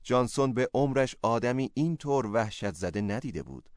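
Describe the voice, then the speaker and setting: A man reading a story as narrator, in a steady, measured way. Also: medium pitch, no echo, studio quality. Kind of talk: scripted narration.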